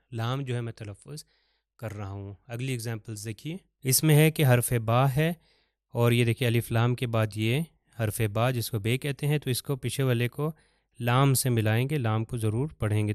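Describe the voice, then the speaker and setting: Male recitation teacher, patient explainer, resonant clear tone, dry close-miked sound. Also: mid-range voice, a little mellow, no echo. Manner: explains patiently, slows to chant Arabic examples. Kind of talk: step-by-step recitation lesson.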